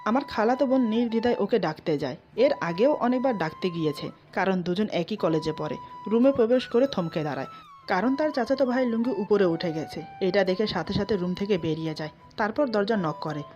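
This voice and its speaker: A woman narrating a romantic short story in a steady, scripted storytelling manner. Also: medium pitch, a little fast. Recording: slightly dull, soft music behind.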